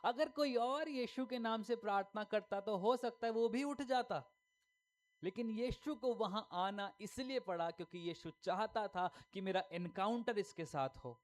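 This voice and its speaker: A man's voice: sits high, measured pace. A male pastor preaching a sermon emphatically, firing rhetorical questions and repeating key lines.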